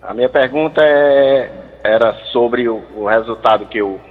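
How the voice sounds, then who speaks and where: A man from Brazil, a former bus driver, calling a radio show by phone and asking his question haltingly, repeating words. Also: mid-range voice. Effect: over the phone. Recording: dull phone audio with long reverb.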